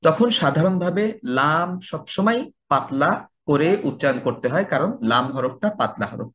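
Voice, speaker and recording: A man teaching a religious recitation lesson, explaining step by step and slowly drawing out each example word. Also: fairly high pitch, expressive, fairly bright tone. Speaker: tajweed teacher.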